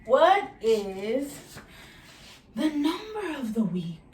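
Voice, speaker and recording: A woman's voice: high-pitched, very animated, drawn-out words, darkish tone. A woman teaching young children like a kids show host, with an exaggerated, encouraging manner and simple questions. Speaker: preschool teacher leading circle time. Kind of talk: children's educational lesson, asking questions to young viewers. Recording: roomy echo, distant mic, faint noise.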